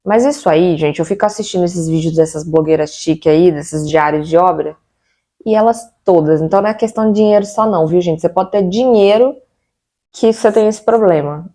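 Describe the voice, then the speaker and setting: A woman's voice: lowish voice, fairly quick, dark tone. A young Brazilian woman with a Brazilian Portuguese accent, venting casually to her viewers about her home renovation and asking rhetorical questions. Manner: chatty and exasperated, with rhetorical questions. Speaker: vlogger.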